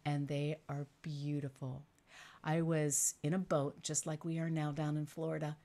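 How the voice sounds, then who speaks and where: A woman's voice: lowish voice, darkish tone. A woman children's entertainer presenting to young children in simple, repetitive phrases, with the showy patter of a kids' party magician.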